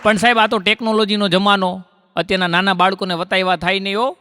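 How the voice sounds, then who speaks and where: A man's voice: high voice, level tone, over a noisy crowd, heavy background noise. A male comedian, reciting rhymed couplets and telling jokes to a live audience on stage. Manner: rhythmic couplet recitation then rapid joke telling. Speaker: stand-up comedian. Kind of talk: Gujarati folk comedy on stage. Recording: dry close mic with hall reverb. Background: audience laughter.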